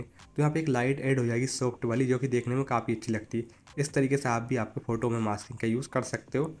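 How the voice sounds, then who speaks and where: A man's voice: medium pitch, a little mellow. A man hosting a phone photo editing tutorial, talking viewers through each step in a casual, chatty way. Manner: casual and chatty, calls viewers "buddy" (यार); instructive, repeatedly tells viewers to look. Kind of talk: step-by-step app tutorial narration.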